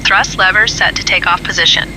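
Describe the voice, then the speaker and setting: A man's voice: high-pitched, steady tone, brisk. A man acting as copilot, reading out procedural checklist items. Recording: clear aircraft engine noise.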